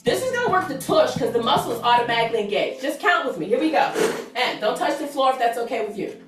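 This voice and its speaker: A woman's voice: high-pitched, very animated, fast talker. A woman aerobics instructor leading an exercise class, encouraging and chatty as she counts and cues each move. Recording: roomy, distant mic, music behind.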